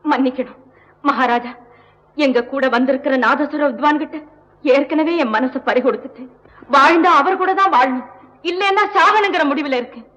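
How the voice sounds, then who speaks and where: An actress playing a proud, defiant young dancer, pleading and firm in old film dialogue. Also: female voice, sits high, normal speed, a bit bright, in a large hall, lo-fi sound. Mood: earnest.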